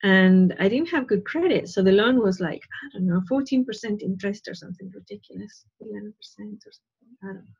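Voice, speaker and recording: With a brisk pace and lively intonation, a woman in her fifties talks casually about spirituality from her living room over a video call, earnest and rambling, peppered with "right?" and "you know." Her medium-pitched voice is creaky and a little mellow with a breathy edge. The wired earphone mic gives dull, lo-fi call sound.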